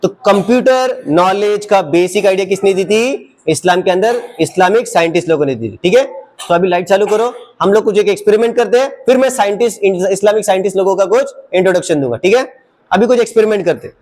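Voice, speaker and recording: A man's voice: high voice, quick pace, a little mellow. A man teaching a class of children in a classroom, coaxing and asking them the same question again and again. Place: classroom with a projector.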